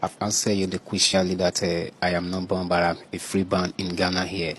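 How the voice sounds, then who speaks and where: Halting deep-voiced man. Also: flat delivery, fairly bright tone, breathy edge. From Nigeria. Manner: hesitant, halting, stumbling answers. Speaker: pastor. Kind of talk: interviewee answering questions.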